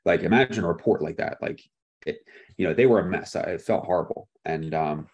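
Deep, husky-voiced man preaching. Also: fairly quick, darkish tone, lo-fi sound. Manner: casual and conversational, with frequent "like" and restarts. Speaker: pastor. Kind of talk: sermon with personal storytelling.

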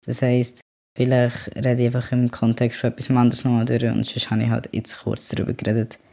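Young guy hosting a podcast, soft relaxed voice, easygoing chat. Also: mid-range voice, fairly quick, vocal fry. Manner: calm, quiet talker, rises when emotional. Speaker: podcast host.

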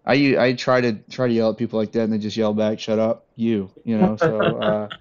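A man's voice: lowish voice, flat delivery, fast talker, darkish tone. A man who organizes airsoft games, chatting casually on a podcast in a rambling, laid-back way with lots of fillers. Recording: dull lo-fi audio.

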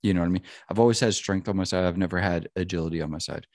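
A man's voice: sits low, racing, a little mellow, dry recording, studio quality. A man around thirty hosting a casual podcast chat, rambling and profane, leaning on "you know what I mean.". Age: 30s.

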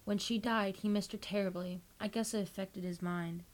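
A woman voicing a calm, gentle mother in a read-aloud horror story. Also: mid-range voice, moderate pace, lightly acted.

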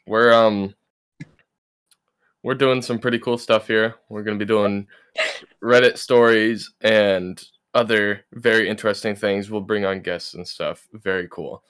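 A man's voice: lowish voice, fairly even intonation, a little slow, fairly bright tone, clear, resonant tone. A young man co-hosting a casual podcast, joking around and stammering, often repeating his words. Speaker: podcast co-host.

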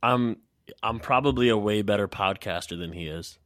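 A man's voice: fairly low pitch, normal speed, fairly bright tone, no echo, clean studio sound. A man co-hosting a casual sports podcast, sounding nasal while getting over a cold, joking and stammering into his sentences. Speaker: podcast co-host.

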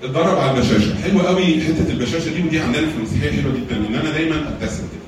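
A man's voice: on the high side, rapid-fire, slight background noise. A man with an Egyptian Arabic accent giving a church talk on anger management with slides. He teaches with rhetorical questions and repeated phrases. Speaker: church lecturer. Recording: very echoey room, mic far off.

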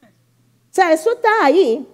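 A woman preaching a fervent sermon, swinging between loud exclamations and soft pleading, calling out to her congregation. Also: very high-pitched, big pitch swings, moderate pace. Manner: calls out to the congregation, asks for responses. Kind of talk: Pentecostal-style sermon.

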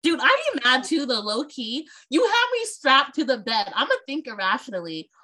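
Woman co-host, bright lively voice, casual book-club chat, laughs a lot. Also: high-pitched, normal speed. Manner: animated, laughing, swearing freely.

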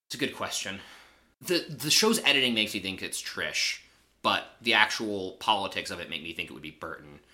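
A man's voice: deep voice, expressive, fairly quick, sharp tone. A man co-hosting a podcast, speculating about a reality show in casual chat with wry quips. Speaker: podcast co-host and editor.

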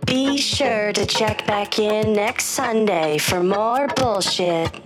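A man pitch-shifted into a sexy robot woman. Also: slow, loud music behind the voice. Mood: sultry. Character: sexy female robot announcer. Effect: voice pitch-shifted up to sound female. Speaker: podcast co-host doing the outro.

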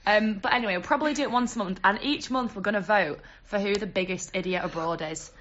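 A woman's voice: medium pitch, quick pace, a bit bright, slight background noise. Young girl laughing through a podcast chat, kinda dull lo-fi sound. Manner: giggly, chatty, steering the conversation. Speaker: podcast co-host. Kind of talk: casual chat. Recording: dull lo-fi recording.

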